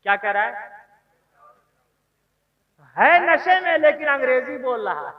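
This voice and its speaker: High-voiced male preacher in an echoey hall. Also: big pitch swings, measured pace, lo-fi sound. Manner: humorous storytelling with rhetorical questions. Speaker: mufti preacher. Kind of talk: sermon.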